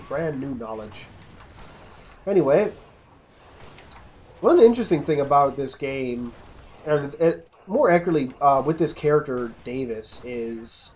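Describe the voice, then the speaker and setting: Commenting informally as he plays, a let's play host rambles and breaks off his own sentences to start over. He has a mid-range voice with a darkish tone.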